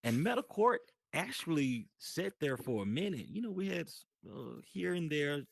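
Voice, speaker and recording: Here a man speaks at a fairly high pitch with big swings, a moderate pace and a gravelly edge, with no echo. As a guest in a voice chat, he describes his virtual world in a long, rambling story packed with fillers and restarts.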